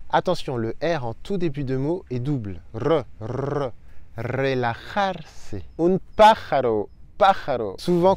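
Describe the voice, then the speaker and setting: A young adult man giving an upbeat online language lesson, slowly spelling out sounds for his viewers. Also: medium pitch, warm tone. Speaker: Spanish teacher.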